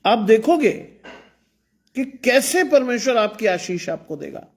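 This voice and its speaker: A pastor preaches an online sermon that includes some English, earnest and exhorting, repeating phrases while speaking with a sore throat. His voice is extremely high-pitched and sing-song, at a measured pace.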